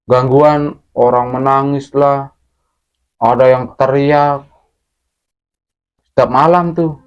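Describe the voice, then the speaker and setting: A man's voice: medium pitch, slow, smooth. A man telling a true horror story in casual talk, acting out screams and crashing sounds. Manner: animated, acts out screams and sounds. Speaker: guest storyteller. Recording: muffled audio with music underneath.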